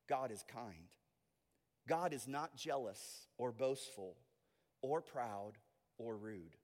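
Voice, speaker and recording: A man preaching a sermon as pastor, moving between soft, intimate asides and loud, emphatic declarations. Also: medium pitch, big-room sound.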